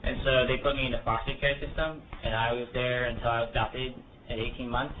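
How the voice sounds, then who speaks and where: Guy with a cold reading his testimony, flat even voice, sounds far off and tinny. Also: medium pitch, quick pace. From South Korea. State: has a cold. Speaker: citizen testifying. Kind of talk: public testimony. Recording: distant, phone-like, faint hiss.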